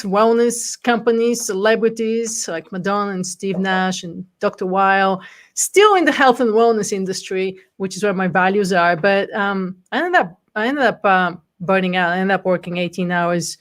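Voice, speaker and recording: A Bulgarian woman in her forties speaks at a moderate pace in a medium-pitched voice. As a guest in a casual interview chat, she tells stories candidly, with frequent ums and light laughter.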